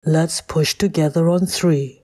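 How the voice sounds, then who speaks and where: A woman voicing a friendly young male dinosaur in a children's story, calm and gentle in her manner. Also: deep voice, slow pace.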